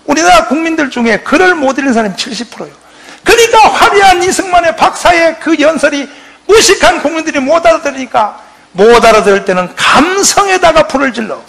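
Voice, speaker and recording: Brief: impassioned man, a pastor, with a bright, gravelly, forceful voice and a combative lecture style. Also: extremely high pitch, expressive, fairly quick. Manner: fiery, shouting, rhetorical questions to the crowd. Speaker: pastor giving a patriotic lecture.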